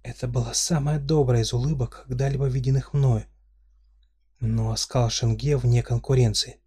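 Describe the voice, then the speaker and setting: Husky-voiced male reader for a steady first-person fantasy audiobook. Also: medium pitch, moderate pace. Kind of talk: scripted first-person narration.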